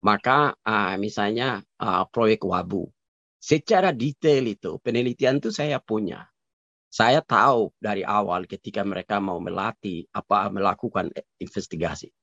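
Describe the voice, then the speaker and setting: A man's voice: lowish voice, moderate pace, gravelly, a bit bright, no echo. A man giving conversational political commentary as an interview guest, hesitant with many fillers and restarts, dropping in English phrases. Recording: dull lo-fi recording.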